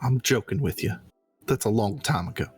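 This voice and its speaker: A man's voice: on the low side, lively intonation, normal speed, husky, faint music behind. A man playing a tabletop game, improvising in-character chat in a hesitant, politely worded way.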